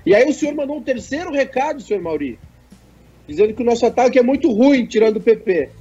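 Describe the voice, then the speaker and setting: A man's voice: extremely high pitch, animated, fast, mellow, breathy edge, lo-fi sound, soft background music. A man, co-hosting a casual sports chat and reading viewer messages in a joking way. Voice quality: nasal. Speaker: co-host.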